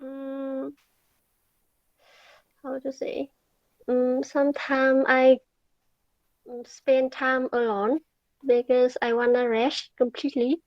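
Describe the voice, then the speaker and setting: A woman who is a beginner English learner, answering practice speaking questions and searching for words with long pauses. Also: high voice, little pitch movement, no echo, highs cut off.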